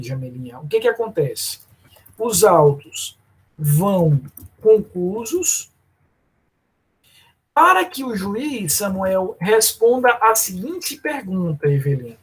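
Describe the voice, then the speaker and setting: Husky man lecturing on law. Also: high-pitched, sing-song, slow. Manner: addresses students by name, explanatory. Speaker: law professor. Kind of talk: live online lecture.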